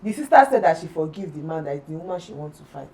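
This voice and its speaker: A woman's voice: low-pitched, very animated, quick pace, a little mellow, low-quality recording. Impassioned young woman from Nigeria. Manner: impassioned, emphatic. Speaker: podcast co-host. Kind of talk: casual chat.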